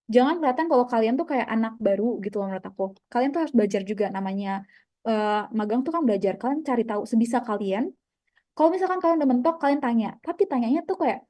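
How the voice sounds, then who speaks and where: A young woman with a somewhat high, mellow voice talks through a casual coaching session. She is chatty, drops English phrases into her sentences and leans on everyday fillers as she explains. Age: young adult.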